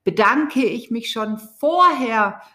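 A woman's voice: fairly high pitch, expressive, takes it slowly. A woman hosting a spiritual business podcast, talking spontaneously from the gut with fillers and direct address to listeners. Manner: speaks off the cuff with fillers, warm direct address. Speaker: podcast host.

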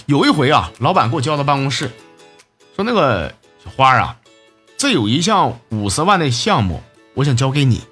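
A man's voice: medium pitch, very animated, fairly quick, a bit bright, husky, soft background music. A man hosting a comedy show, reading listener messages aloud and joking with laughs at his own punchlines. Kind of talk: comic radio-style monologue.

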